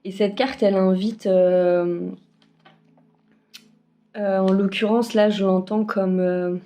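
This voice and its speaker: A woman's voice: mid-range voice, fairly even intonation, slow pace, dark tone. A woman giving a casual weekly spiritual card forecast, hesitant, with many fillers and restarts, recorded on a phone. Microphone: phone camera.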